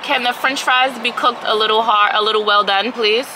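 A woman's voice: a little high, fairly even intonation, normal speed. A woman vlogger ordering food at a drive-through from her car, polite and a little hesitant. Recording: noisy car recording.

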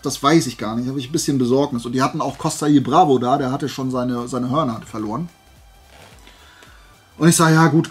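In a casual vlog about a flea market haul, a man spins colloquial stories and acts out bits of dialogue. His voice is mid-range with a breathy edge, worn down and dry-throated after days of talking.

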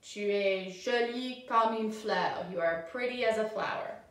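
Very slow woman in echoey room. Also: mid-range voice, recorded from a distance. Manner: slow and clear, repeating words and switching to English translations. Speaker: teacher. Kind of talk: slow, simple French lesson for children.

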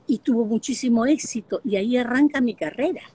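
An older woman with a Peruvian Spanish accent, a guest telling lively stories in a casual interview with plenty of fillers. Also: on the high side, fairly quick, husky. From Peru. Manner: lively storyteller, frequent fillers. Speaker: guest, actress and broadcaster. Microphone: video call.

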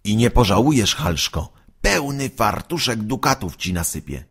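A man's voice: lowish voice, very animated, moderate pace, vocal fry, a bit bright, breathy edge, pitched above the performer's own voice, exaggerated voice. A man voicing a mischievous ten-year-old boy in a storybook, cheeky and conspiratorial. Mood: teasing. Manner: cheeky, secretive whispering.

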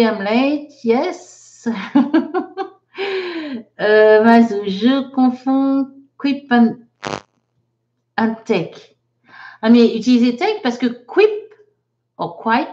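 Slow-speaking woman teaching English. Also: a little high, a little mellow, highs cut off. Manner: reads out viewers' chat sentences and corrects them; slow, careful, patient explaining. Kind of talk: live online English lesson.

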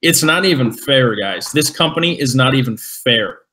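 A man co-hosting a business webinar, emphatic and hyping in a casual sales pitch. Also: expressive, normal speed, sharp tone. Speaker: webinar co-host.

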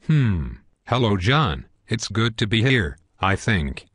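A man's voice: fairly low pitch, sing-song, slow pace, a bit bright, breathy edge, no echo, exaggerated voice. A synthetic male voice playing a hesitant, reasonable guest in a scripted satirical cartoon interview, speaking earnestly and stiffly.

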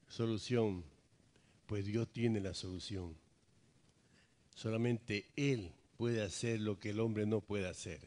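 A man's voice: fairly low pitch, a little mellow. A male pastor preaching an impassioned sermon in repetitive phrases, then leading a fervent prayer aloud.

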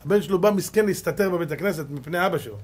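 Husky high-voiced rabbi teaching. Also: male voice. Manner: emphatic preaching with sudden loud and soft swings; storytelling with acted quotes. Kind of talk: Torah lesson.

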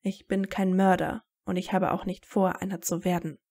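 A woman's voice: fairly low pitch, little pitch movement, moderate pace, a little mellow. A woman voicing a guarded teenage wizard boy who answers in clipped, wary retorts in a fan audiobook. Her own reading voice carries him. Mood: wary, bitter.

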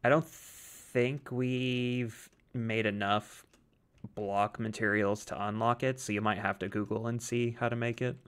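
A man's voice: medium pitch, steady tone, a little slow, a bit bright, smooth. A man hosting a gaming channel, chatting casually and joking with a friend while they play a modded game, chuckling often.

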